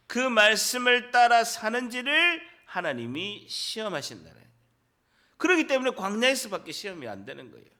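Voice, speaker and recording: A man's voice: high-pitched, bright, forceful tone. A Korean man preaching a Sunday sermon in church, repeating key words and quizzing his congregation. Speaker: pastor. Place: church sanctuary.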